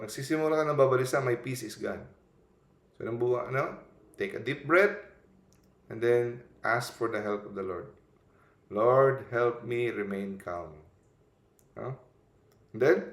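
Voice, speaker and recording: A man giving a gentle, conversational spiritual talk in a mix of Tagalog and English, often checking in with the listener. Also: medium pitch, creaky, roomy sound. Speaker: preacher.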